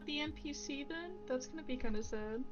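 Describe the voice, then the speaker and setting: A woman's voice: sits high, fairly quick, highs cut off, music in the background. A woman playing in a tabletop game, playful and pleading in casual chat. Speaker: player.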